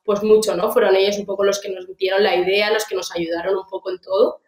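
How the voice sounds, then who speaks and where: A woman's voice: mid-range voice, flat delivery, quick pace, a little mellow. Upbeat young woman on a video call. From Argentina. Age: young adult. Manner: chatty, upbeat, many fillers and restarts. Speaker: interview guest. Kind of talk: casual video-call interview. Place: small room indoors. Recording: roomy echo.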